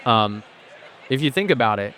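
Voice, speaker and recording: An animated man of medium pitch and sharp tone talks at normal speed as a podcast guest; he is a company founder who grew up in Asia. He speaks at length in a casual, thoughtful way with frequent restarts during the interview conversation. A faint crowd and slight background noise can be heard.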